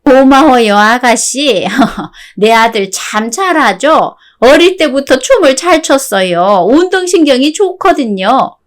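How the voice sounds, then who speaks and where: A synthetic woman's voice playing a tipsy older mother-in-law, doting, pushy, chuckling, radio-drama style, somewhat high. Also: animated, takes it slowly, hardly any pauses. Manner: chuckling, coaxing, fawns over her son.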